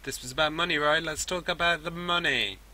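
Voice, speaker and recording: A woman's voice: sits low, a little fast, pushed and bright, pitched above the performer's own voice. A man voicing a blunt, mocking female dwarf rat charmer in a game read-through.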